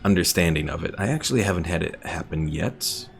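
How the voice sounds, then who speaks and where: This man streams a video game and keeps up a laid-back, chatty commentary while he plays, reading chat aloud as he goes. His voice is low and gravelly, animated and fairly quick, with game music playing faintly in the background.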